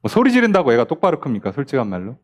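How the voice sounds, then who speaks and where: A man's voice: mid-range voice, huge pitch swings, racing. A man, a pastor, teaching a midweek Bible study in a conversational preaching style, firing off rhetorical questions and acting out little quoted exchanges.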